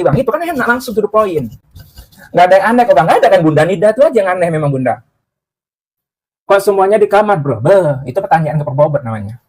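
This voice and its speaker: On a clip-on mic, a man with a fairly high voice runs a relaxed cooking livestream from his boarding-house room. He's talkative and cracks jokes while replying to viewer comments, slightly winded from grinding spices.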